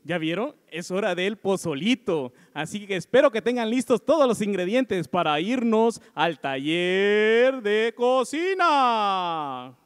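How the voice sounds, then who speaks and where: A man voicing a cheerful puppet that presents a children's show with exaggerated, drawn-out announcing. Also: high-pitched, sing-song, smooth, no room sound, clean studio sound, exaggerated voice. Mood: playful, eager.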